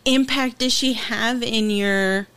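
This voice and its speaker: Woman host from Los Angeles, slightly high voice, chatty interviewer. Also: fairly even intonation, takes it slowly, a bit bright, clear, resonant tone. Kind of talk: casual interview talk.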